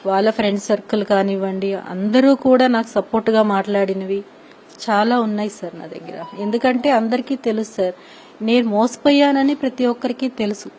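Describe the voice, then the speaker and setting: A woman's voice: mid-range voice, moderate pace, a little mellow, slight background noise, poor audio. Distressed woman pleading in an interview. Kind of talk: emotional news interview.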